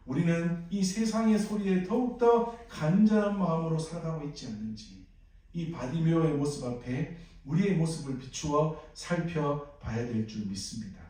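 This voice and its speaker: A male pastor with a Gyeongsang accent preaching a sermon, putting questions to the congregation. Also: high-pitched. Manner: animated, asks the congregation questions. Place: church sanctuary. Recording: echoey sanctuary from far off.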